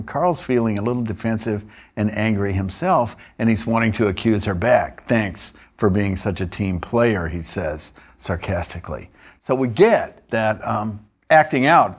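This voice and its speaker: A male instructor narrating a training lesson in a measured, explanatory way. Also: mid-range voice, expressive, husky. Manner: measured, explanatory, with occasional restarts.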